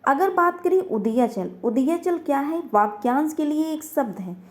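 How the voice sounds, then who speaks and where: A woman's voice: high-pitched, lively intonation, moderate pace. A woman teaching an online grammar lesson, asking questions and answering them herself, repeating each word.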